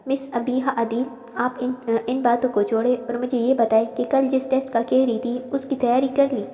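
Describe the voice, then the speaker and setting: A woman's voice: a little high, flat delivery, moderate pace, warm tone, lightly acted. A woman voicing a teasing, protective young man, the older cousin in a storybook reading. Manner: dry, mocking. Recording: roomy reverb.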